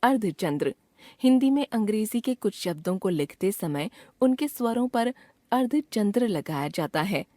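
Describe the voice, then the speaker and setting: A woman's voice: mid-range voice, lively intonation, dark tone, dry recording, clean studio sound. A woman reading out a scripted grammar lesson as a teacher, carefully drawing out each sound she names. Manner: slow, careful, drawn-out enunciation of sounds.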